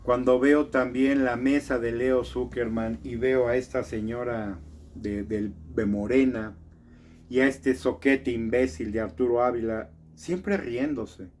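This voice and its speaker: A man's voice: mid-range voice, steady tone, a little slow, darkish tone. A man giving an indignant political commentary monologue, full of rhetorical questions and frequent tag questions. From Mexico.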